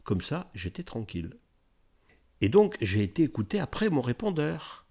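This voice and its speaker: A man telling a comic anecdote straight to the listener, full of hesitant asides and little fillers. His pitch rises and falls a lot as he talks. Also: very animated, moderate pace, warm tone. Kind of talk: comic storytelling monologue.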